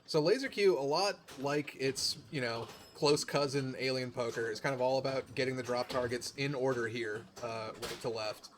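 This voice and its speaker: A man's voice: mid-range voice, moderate pace, hardly any pauses, background noise. A man giving casual, joking live commentary on a pinball game, laughing often. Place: pinball arcade.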